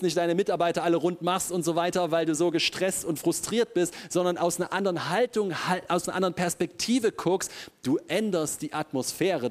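A man preaching a sermon to a congregation, speaking animatedly and often repeating himself as he addresses the listeners directly. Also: high voice.

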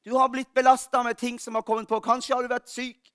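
High-voiced pastor preaching. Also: male voice, smooth, no room sound, studio quality. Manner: lively storytelling, self-mocking humor. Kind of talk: Easter sermon.

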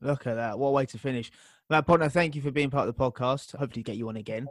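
A man hosting a podcast in a relaxed, teasing way, asking quiz questions. His voice is mid-pitched. The sound is dry and close to the mic. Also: rapid-fire, dry recording. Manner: friendly, teasing. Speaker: podcast host. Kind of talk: casual quiz chat.

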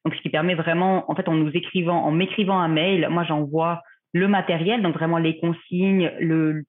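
A Swiss woman in her thirties, a researcher and clinician, answers podcast questions carefully and explanatorily, with many fillers. Her voice is fairly low and steady at a normal speed, heard over phone-like remote call audio.

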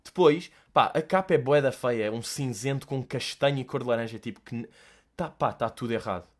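Young Portuguese male host, mid-pitched, casual and jokey, slang-heavy, swears freely. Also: brisk. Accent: European Portuguese. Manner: animated and joking, with lots of slang and swearing. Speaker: podcast host answering listener questions. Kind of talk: casual solo chat.

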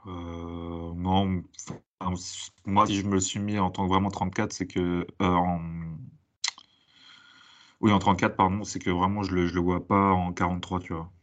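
A man giving casual scouting commentary as an analyst, halting and correcting himself, with English sports terms mixed in. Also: sits low, level tone, highs cut off.

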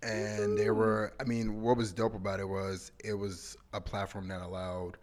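A man co-hosting a casual podcast chat, relaxed and laid-back, often pausing with fillers. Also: fairly low pitch. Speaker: podcast co-host.

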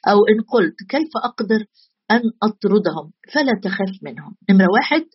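Egyptian lady preaching a sermon, kinda husky, dull lo-fi sound. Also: medium pitch. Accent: Egyptian Arabic. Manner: earnest, exhorting, with drawn-out fillers.

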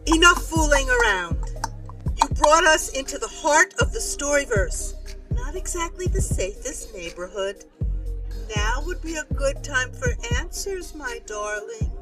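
A woman's voice: high-pitched, very animated, unhurried, far from the mic, music in the background, rough recording. A woman playing an exasperated, commanding, sardonic adventurer in an audio drama. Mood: stern, arch.

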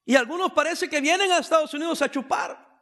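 A man from El Salvador, pastor of a church, preaches a sermon to his congregation in a conversational way, joking as he goes. His voice is very high-pitched and bright, and he talks fast with a forceful tone.

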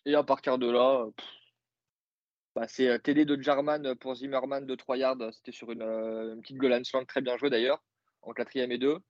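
A man's voice: medium pitch, level tone, normal speed, dry recording, muffled recording. A man co-hosting a podcast, casually recapping a football game with many fillers and joking asides. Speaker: podcast co-host, football analyst.

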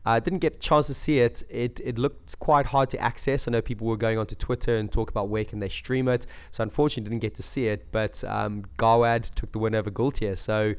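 A man croaky from a cold, chatting casually about sport as a podcast co-host. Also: mid-range voice, steady tone, brisk, hardly any pauses. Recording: dull lo-fi audio.

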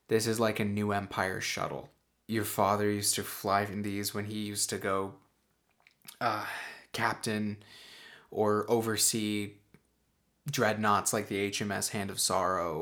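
A man's voice: lowish voice, a bit bright. A man narrating a tabletop role-playing game as game master, describing scenes with many fillers and restarts.

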